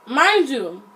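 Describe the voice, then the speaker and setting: A young woman, telling a storytime vlog. She is chatty and full of slang, and she acts out what everyone said in lively bursts. Her delivery stays casual and animated. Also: sits high, poor audio. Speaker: vlogger.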